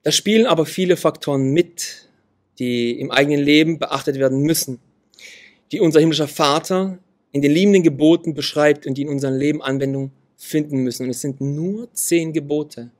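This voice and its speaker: A man's voice: a little high, a little fast, a little mellow. A man preaching a sermon, reading Bible verses aloud and repeating key phrases with earnest emphasis.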